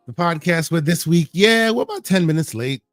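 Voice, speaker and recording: Hoarse, halting male podcast host. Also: fairly high pitch, expressive, no room sound, studio quality, soft background music. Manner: halting, repeats words, friendly shout-outs. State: hoarse, sick. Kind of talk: casual podcast hosting.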